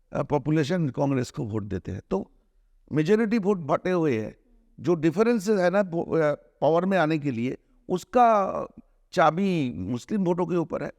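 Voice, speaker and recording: A middle-aged man from India, a film director giving an interview, arguing his points earnestly with many restarts and drawn-out hesitations. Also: a little high, a little mellow, no echo, clean studio sound. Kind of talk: conversational interview, mixing Hindi and English.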